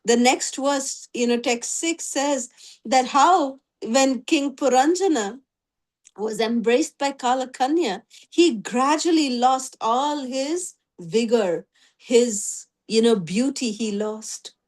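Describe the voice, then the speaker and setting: High-voiced woman teaching a scripture class. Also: slow, darkish tone. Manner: storytelling, with frequent "you know" fillers. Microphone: online video call.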